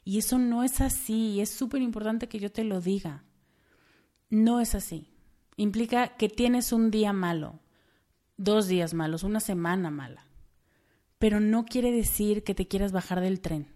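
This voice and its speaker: A woman with a Mexican accent talks through a solo podcast episode in a mid-pitched voice. She speaks earnestly and straight to the listener. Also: unhurried, mellow. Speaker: podcast host.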